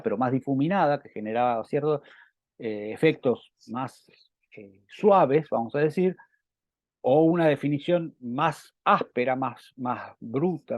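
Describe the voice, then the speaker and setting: A man with a Rioplatense Spanish accent giving a university lecture, halting with many restarts and fillers. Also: mid-range voice, darkish tone, dry recording.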